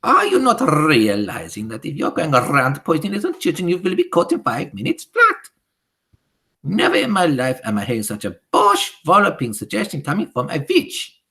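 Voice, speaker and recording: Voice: mid-range voice, wildly swooping pitch, normal speed, bright, forceful tone, voice pushed up, heavily acted. A reader voicing a tiny, furious female witch leader who screeches and speaks with odd foreign-sounding grammar, in an audiobook. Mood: raging. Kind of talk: audiobook character voice.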